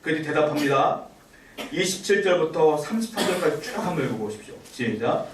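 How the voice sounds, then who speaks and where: A man's voice: on the high side, lively intonation, brisk, a little hiss or hum. A male pastor preaching a sermon in a church, asking the congregation rhetorical questions. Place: church sanctuary. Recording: echoey church room, voice from far off.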